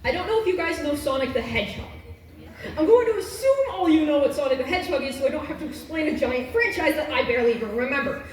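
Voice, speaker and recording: Young college girl rambling and giggling on stage, high voice, far off in an echoey hall. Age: young adult. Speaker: college student performer. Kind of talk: live on-stage voice act.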